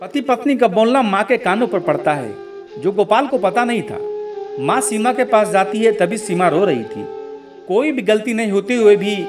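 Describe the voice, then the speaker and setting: A man narrating a family story in a steady, explanatory storytelling manner. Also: high-pitched. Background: soft instrumental music.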